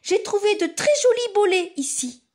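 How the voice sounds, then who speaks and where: An encouraging storybook mother, acted out by a woman reading, exclaiming and coaxing as if to a toddler. The voice leaps very high and swoops with excitement. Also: moderate pace. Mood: excited.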